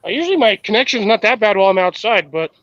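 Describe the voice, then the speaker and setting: A high, bright-voiced man chatting casually into his phone from outside in a garden. The call sound is thin, dry and lo-fi, breaking up on a bad connection. His talk is offhand and a little grumbly. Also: sing-song, fast talker, no room sound. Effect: choppy bad-connection phone call audio. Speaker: guest on a video call. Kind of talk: casual chat. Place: outdoors in a garden. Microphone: phone held in hand on a video call.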